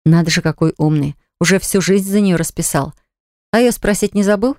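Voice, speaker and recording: A narrator reading a romance novel aloud in a lively, wry storytelling manner. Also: mid-range voice, a little fast, no echo, studio quality. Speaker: audiobook narrator.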